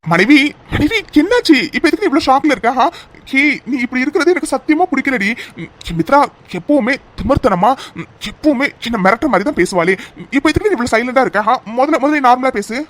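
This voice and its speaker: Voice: sits high, lively intonation, quick pace. A voice actor playing an affectionate young man in a cartoon love story, coaxing and pleading with his fiancée to stop crying. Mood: teasing. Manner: coaxing, pleading and playfully bossy. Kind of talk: cartoon voice acting.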